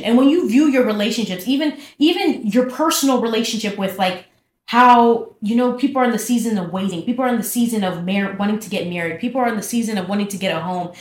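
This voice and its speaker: A woman talking casually about faith, animated and repetitive, firing off rhetorical questions. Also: a little high. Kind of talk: casual faith talk to camera. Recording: echoey room.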